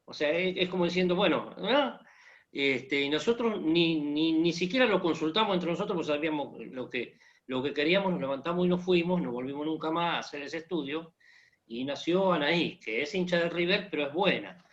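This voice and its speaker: With a fairly high, expressive voice moving a little fast, a man from Argentina chats as a guest online in an Argentine Spanish accent. His talk is relaxed and full of jokes and fillers, recorded with lo-fi sound.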